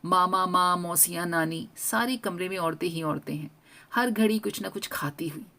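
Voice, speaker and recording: Expressive woman reading a story aloud. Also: lowish voice, normal speed, gravelly. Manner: expressive, voicing a young girl in first person. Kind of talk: scripted story narration.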